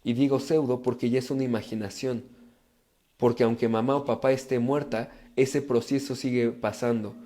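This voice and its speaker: Male speaker, emphatic live talk, mellow warm tone, medium pitch. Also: moderate pace. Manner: emphatic, animated, addresses viewers directly. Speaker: personal growth speaker. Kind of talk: live talk reading viewer comments.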